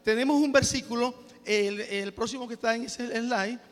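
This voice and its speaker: A man's voice: extremely high pitch, normal speed, big-room sound, soft background music. A man preaching a sermon to his congregation, often breaking in with praise to God and stumbling over words as he explains. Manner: restarts and stumbles while exhorting; frequent praise interjections. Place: church.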